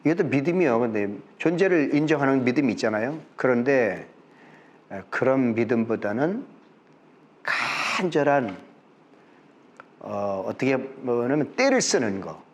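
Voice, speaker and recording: A man's voice: medium pitch, lively intonation, moderate pace. A man preaching a Sunday sermon as pastor, fervent and repetitive, acting out short quoted exchanges from scripture.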